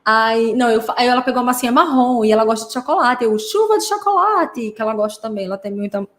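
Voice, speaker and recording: Brazilian therapist lady teaching parents, kinda high voice, chatty, keeps doing little sound effects and asking "right?". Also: steady tone, very fast, fairly bright tone. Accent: Brazilian Portuguese. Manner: playful, acts out sound effects, frequent tag questions. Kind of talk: casual teaching talk to parents.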